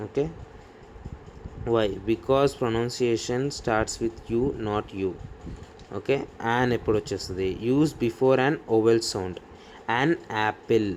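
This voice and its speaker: A man with a Telugu accent teaching English grammar. He reads each English rule out slowly, then explains it in Telugu. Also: lowish voice, a little mellow, a little hiss or hum. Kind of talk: bilingual grammar lesson.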